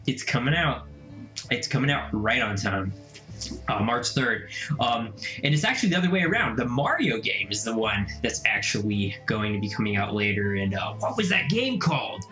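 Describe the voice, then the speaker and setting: A young man hosting a casual gaming vlog, talking excitedly and breaking into mocking silly voices. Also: lowish voice, normal speed. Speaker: gaming video host. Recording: echoey room, faint music.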